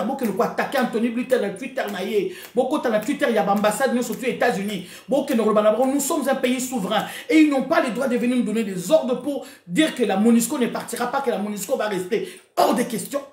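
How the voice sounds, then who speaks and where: Fairly high-pitched and a little mellow, this Congolese-accented woman from the DRC speaks a little fast with few pauses, her voice echoing in the room. She is a video host giving her online followers a fervent political rant, exhorting them and repeating phrases while switching between Lingala and French.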